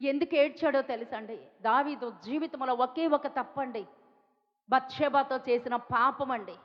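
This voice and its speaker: Telugu lady preacher, high voice, lots of rhetorical questions, echoey hall, muffled sound. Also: moderate pace. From India. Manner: emphatic repetition, rhetorical questions, pleading. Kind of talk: sermon. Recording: dull sound with long hall reverb.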